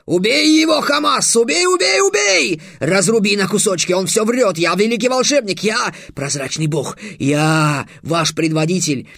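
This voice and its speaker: A petulant tyrant-mage in an audiobook, shrieking in a high, strained voice like a spoiled child, as a male reader puts him on. Close and dry, with no room sound. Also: moderate pace, few pauses, fairly bright tone, no echo. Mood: frantic. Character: childish tyrant warlord mage, man in his thirties.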